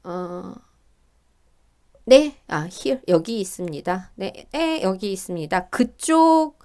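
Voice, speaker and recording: A middle-aged woman teaching Korean, working through reading test questions and reading the example dialogues aloud in a higher, livelier voice. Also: expressive, slow, dark tone, clean tone. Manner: thinks aloud with fillers and small laughs.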